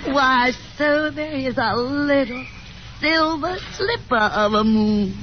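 In a dull, noisy 1950s radio broadcast, a woman with a high-pitched voice speaks slowly. She's an actress playing a hopeful, fussy, chatty middle-aged mother whose wistful chatter comes across as dramatic and insistent.

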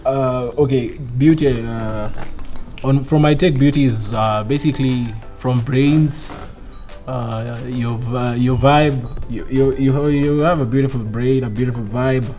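A man's voice: mid-range voice, fairly even intonation, a little slow, warm tone, soft background music. A Kenyan man in his twenties answering a dating show's questions hesitantly, with lots of fillers. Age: 20s. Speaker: dating show contestant. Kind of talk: casual answers.

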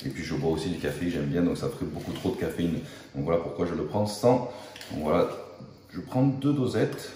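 A male fitness vlogger in his thirties chats casually and informally about training and diet, talking fairly quickly in a low voice. He's filmed at home in an open living area and a garage-like gym, picked up from a distance by a camera mic in a noisy room. The sound is echoey and distant, with background noise.

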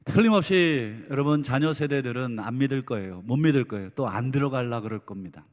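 A middle-aged man preaching a Sunday sermon as senior pastor, lively and dramatizing the voices of parents and children. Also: mid-range voice, brisk. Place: church sanctuary. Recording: long hall reverb.

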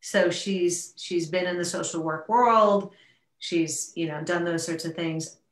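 A woman with a low voice chairs a town board meeting, halting and filling pauses as she goes. Her voice sits in a roomy, echoing space, as heard on a remote video call. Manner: halting, with many fillers and restarts. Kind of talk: public meeting discussion.

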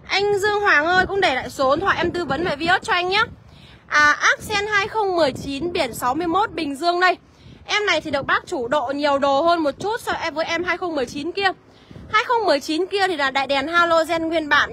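A woman selling used cars on a live walkaround, listing prices briskly and calling out to viewers by name. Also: very high voice, pushed and bright, slight background noise. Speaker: used car seller.

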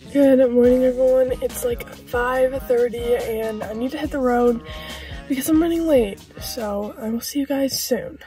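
A young woman with a slightly high voice chats her way through a casual day-in-the-life vlog, filling her sentences with "like" and "basically." Clear background music plays underneath her. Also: a little slow. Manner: chatty, uses lots of "like" and "basically". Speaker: vlogger. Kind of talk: casual vlog talk to camera.

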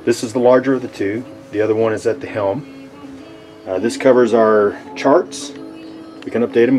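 A man giving a casual walkthrough of his sailboat from behind the camera, relaxed and halting with lots of fillers. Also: mid-range voice. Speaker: boat owner giving a tour. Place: inside a sailboat cabin. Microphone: handheld camera mic, speaker off camera.

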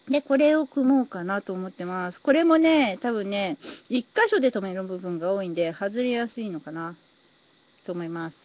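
Speaking expressively at normal speed in a medium-pitched voice, a woman chats casually during a phone live stream as she builds, thanking people for their comments. Her audio comes through slightly dull with faint noise.

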